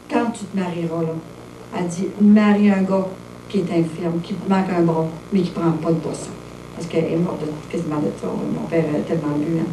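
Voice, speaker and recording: A woman's voice: lowish voice, mellow, slight background noise. A Québécois woman in her fifties, giving a plain-spoken personal testimony full of little fillers. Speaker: testimony speaker. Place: monastery room with visitors. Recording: roomy echo, distant mic, faint ambience.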